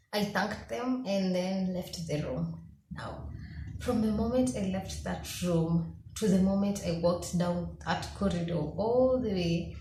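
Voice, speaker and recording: A woman's voice: medium pitch, mellow. A young Kenyan woman in her twenties, a law student telling a candid vlog story and acting out her own past thoughts. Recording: echoey room.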